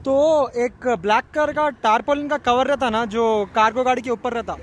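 Speaking at a moderate pace with fairly even intonation, a young Hyderabadi-accented man from India uses an extremely high pitch as he casually vlogs, leaning on emphatic, repeated phrases. The motovlogger is on a highway roadside and riding a motorbike, so outdoor road noise comes through.

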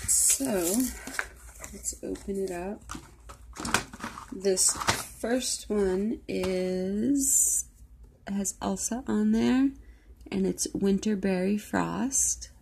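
A woman's voice: on the low side, gravelly, background noise. A woman vlogger chatting casually through a product haul, rambling with lots of "um" and "like". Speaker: beauty vlogger.

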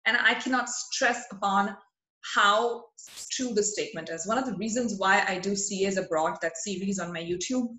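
A woman in her thirties from rural West Bengal, India, gives an earnest, motivational webinar talk over slides in an Indian accent; she grew up speaking Hindi, Marwari and Bengali. Her mid-range voice is pushed and bright at a moderate pace. The recording is reverberant and of poor quality.

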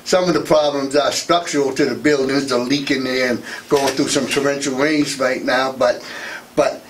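A man's voice: a little high, slight background noise, low-quality recording. A man co-hosting a radio talk show, asking long, rambling questions with many restarts into a studio mic. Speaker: co-host. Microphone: studio boom mic.

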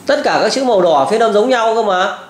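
A man's voice: sits high, expressive, fairly quick, reverberant, a little hiss or hum. A man tutoring a child at home, firmly correcting and repeating model words. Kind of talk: pronunciation drill.

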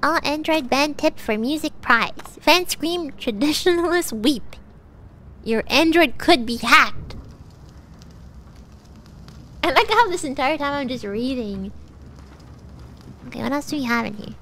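A woman's voice: high voice, animated, measured pace, pauses often, pushed and bright, a little hiss or hum. A young woman streaming a game with a stuffy nose, bubbly and thanking viewers over and over with bits of Japanese. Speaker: livestreamer. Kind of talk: casual gaming livestream.

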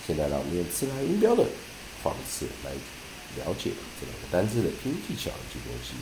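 A man teaching English pronunciation, reading dictionary entries slowly and deliberately, then explaining with many repeated terms and "ah" fillers. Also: sits low, wildly swooping pitch, roomy sound, noisy background.

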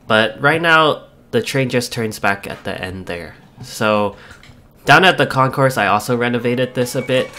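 A man's voice: medium pitch, a little slow, sharp tone. A man hosting a let's play, casually talking through the changes he made to his build, step by step. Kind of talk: casual gameplay commentary.

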